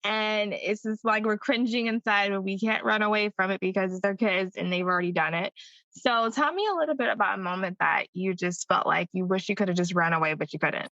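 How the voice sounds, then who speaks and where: A woman's voice: mid-range voice, brisk, sharp tone, dry recording, muffled recording. A woman hosting a mom podcast, chatting in a casual, upbeat conversational way. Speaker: podcast host. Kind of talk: casual interview chat.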